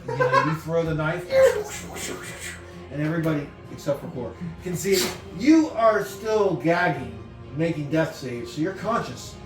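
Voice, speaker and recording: A man narrating a tabletop game casually as game master, haltingly and often checking in with his listeners. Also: on the high side, very animated. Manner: halting, checks in with "you know" and "right?". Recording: roomy, distant mic with music behind. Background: music.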